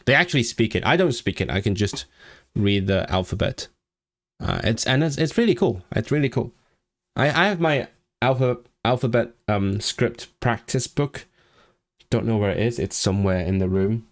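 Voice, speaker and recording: Rambling man streamer, low and dry. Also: moderate pace, no echo. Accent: vague non-southern English. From Hong Kong. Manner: rambling, repeats and restarts words, jumps up in pitch when excited. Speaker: language-learning streamer. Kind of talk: casual livestream chat reading out comments.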